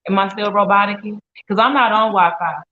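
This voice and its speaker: A woman's voice: medium pitch, brisk. A middle-aged woman, a mother chatting on a video call, her voice breaking up robotic and choppy as the connection cuts in and out. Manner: upbeat, outgoing, talkative. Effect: choppy robotic-sounding call audio, cutting in and out. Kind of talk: casual family chat. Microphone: video call on a phone. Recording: dull lo-fi call audio with faint noise.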